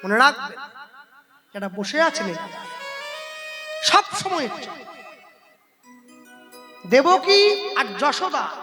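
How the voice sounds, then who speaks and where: A man with an Indian Bengali accent preaching at a kirtan, telling devotional stories, quizzing the audience and breaking into song. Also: extremely high pitch. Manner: storytelling, quizzes the audience, laughs often. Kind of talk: devotional sermon with sung verses. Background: devotional instrumental music.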